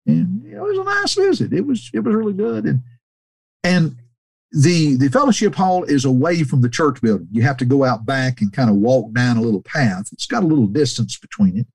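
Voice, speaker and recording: A man spins casual anecdotes at a medium pitch. He restarts his sentences often and lifts his voice higher whenever he quotes someone. The recording is dry, with no room sound. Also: sing-song, fairly quick, gravelly, a little mellow, breathy edge, no echo. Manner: restarts a lot, mimics quoted people in a higher voice.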